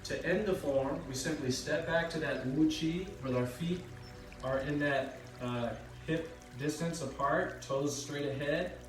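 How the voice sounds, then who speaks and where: Man teaching tai chi, calm measured cues, mid voice, far off in a really echoey room, music clearly playing. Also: fairly high pitch. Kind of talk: step-by-step spoken movement instruction.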